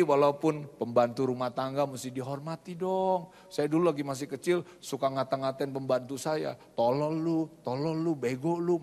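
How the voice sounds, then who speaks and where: Middle-aged pastor guy preaching, kinda high voice, big reverby church hall. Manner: lively storytelling preacher, often addresses the congregation. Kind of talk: sermon.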